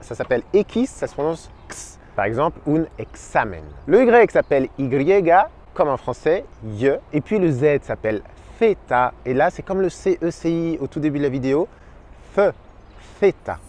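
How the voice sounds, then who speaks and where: A man giving an upbeat video lesson as a language teacher, sounding out each letter slowly and clearly. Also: a little high, animated, darkish tone. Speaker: Spanish teacher.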